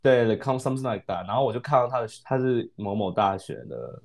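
A man's voice: mid-range voice, quick pace, crowd noise. A man from Taiwan with a Taiwanese Mandarin accent, co-hosting a podcast and telling a rambling story in casual chat, restarting sentences and dropping in English words. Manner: rambling, self-correcting, mixes in English words, laughs often. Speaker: podcast co-host.

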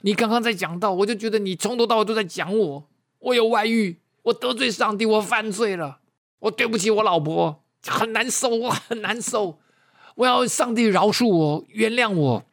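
A man's voice: high voice, normal speed, a bit bright, pitched above the performer's own voice. A man doing a sobbing remorseful teacher. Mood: weeping, remorseful. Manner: sobbing, broken pleading. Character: middle-aged male teacher, weeping and confessing.

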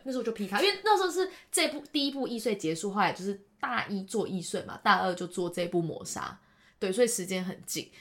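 Lively fast-talking young woman. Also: medium pitch. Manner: animated, laughs often, trails off into restarts. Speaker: guest. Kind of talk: casual storytelling.

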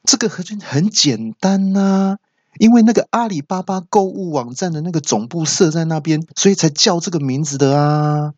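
Deadpan wife voice, high and slow, taiwanese guy faking it, dull dry recording. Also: no room sound, lightly acted. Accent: Taiwanese Mandarin.

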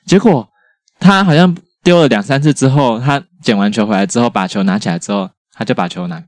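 A man with a Taiwanese Mandarin accent, a physical therapist co-hosting a podcast, telling animated work stories with a lot of laughter. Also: mid-range voice, brisk, no echo, studio quality. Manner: animated, mimics patients with raised voice, laughs often. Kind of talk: casual chat, storytelling.

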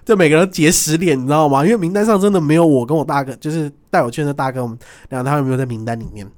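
A young adult man, a guest, telling stories in a lively casual chat and acting out the voices of people in them. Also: a little high. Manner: animated, quick, acts out voices in his stories.

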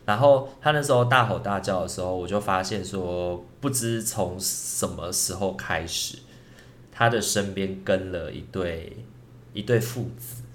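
A man's voice: low-pitched, a little slow, a little hiss or hum. A man, casually telling a ghost story on a podcast at night, rambling with lots of fillers and restarts. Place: indoor recording at night.

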